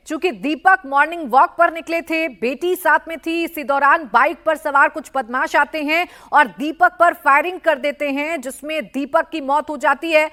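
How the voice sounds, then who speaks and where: A woman's voice: high voice, fairly bright tone. A woman anchoring a television news bulletin, reading a crime report with urgent, dramatic delivery.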